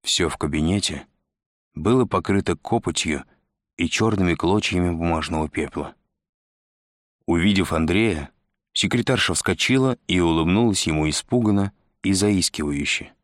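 A man narrating an audiobook in a steady, measured reading. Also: low voice, dry recording, studio quality.

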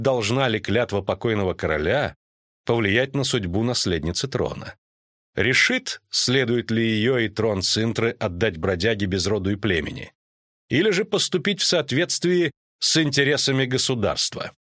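A man reading an audiobook voices a proud, commanding queen with a measured, imperious delivery. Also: mid-range voice, expressive, a bit bright, no echo, studio quality. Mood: stern, imperious. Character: proud stern queen, middle-aged woman, commanding.

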